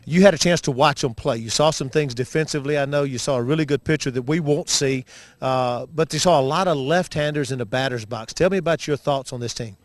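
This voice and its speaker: Fast-talking sports announcer, male. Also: medium pitch, no room sound. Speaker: baseball play-by-play announcer and interviewer. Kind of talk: live sports broadcast commentary.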